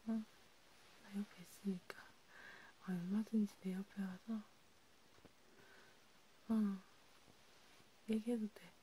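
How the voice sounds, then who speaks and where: A woman in a whispered role-play, comforting a friend softly and soothingly, slipping between a quiet voice and a whisper. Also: medium pitch, slight background noise, poor audio. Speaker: ASMR creator.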